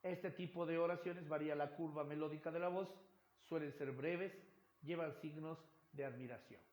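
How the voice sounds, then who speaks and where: A man's voice: a little high, fairly even intonation, normal speed, darkish tone. A male teacher giving a recorded lecture, often checking in with "right?" and repeating phrases as he explains. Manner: checks in with "right?" and "yes?" after points; repeats words and restarts phrases. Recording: roomy echo.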